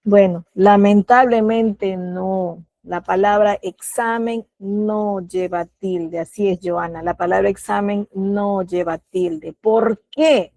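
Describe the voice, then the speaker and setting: A middle-aged woman with a Peruvian Spanish accent leads an online class over a video call. Her voice is mellow and dry, and she keeps asking the group questions and naming students as they answer. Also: medium pitch, fairly even intonation, slow, few pauses, dry recording. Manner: patient, questioning, calls on students by name. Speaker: teacher.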